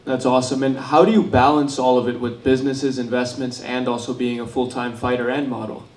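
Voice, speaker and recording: A man's voice: mid-range voice, level tone, brisk, darkish tone, a little hiss or hum. A man asking questions as a reporter during a press interview. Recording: roomy, echoing sound.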